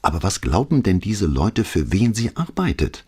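Man reading middle-aged police commissioner, probing, incredulous, raspy, lively pitch, audiobook. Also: moderate pace, heavily acted. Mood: questioning.

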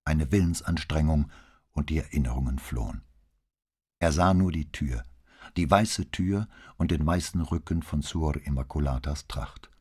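A man narrating an audiobook in a measured, expressive storytelling manner. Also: extremely low pitch, breathy edge. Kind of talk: scripted narration.

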